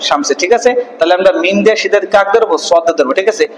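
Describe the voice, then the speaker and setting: Male Quran teacher, high-pitched, patient drilling style, slow chanted recitation, reverberant room. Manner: asks questions and answers them himself, spells syllables slowly. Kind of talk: online Quran reading lesson.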